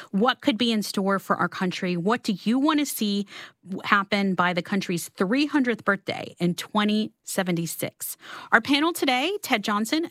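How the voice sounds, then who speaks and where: A woman hosting a call-in radio talk show, asking clear questions of her panel. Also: mid-range voice, fairly bright tone, no echo, clean studio sound. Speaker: radio host. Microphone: studio mic.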